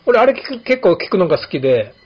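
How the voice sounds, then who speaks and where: This podcast host, a barber from Kumamoto, Japan, in his late fifties, talks fast in a high, slightly rough voice. He tells stories in a relaxed manner loaded with fillers, recorded in slightly dull lo-fi audio.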